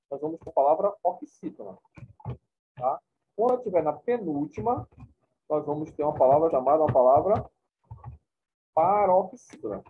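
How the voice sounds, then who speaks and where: A man's voice: on the high side, a little hiss or hum. A man teaching a class, explaining points informally and often checking in with his students. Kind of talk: classroom lecture. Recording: tinny phone-like recording.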